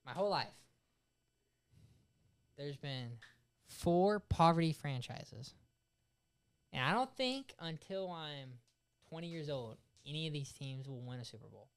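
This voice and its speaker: A man's voice: a little high, animated, unhurried, pauses often, clear, resonant tone. A man in his twenties co-hosting a casual sports podcast, brash and argumentative, swearing often. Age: 20s. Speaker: podcast co-host.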